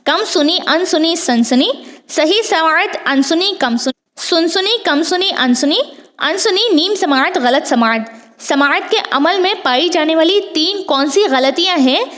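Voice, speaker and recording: A woman's voice: extremely high pitch, animated, fairly bright tone. A woman teacher going through exam questions, explaining each term in Urdu and English with many repetitions. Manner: explains terms by repeating them in Urdu and English. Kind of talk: exam question walkthrough lesson. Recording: long hall reverb.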